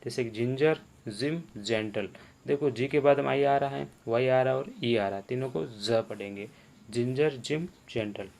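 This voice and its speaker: A man's voice: medium pitch, moderate pace, gravelly, a little mellow. A man teaching the sounds of English letters, repeating each sound and quizzing the viewer. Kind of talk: spoken language lesson.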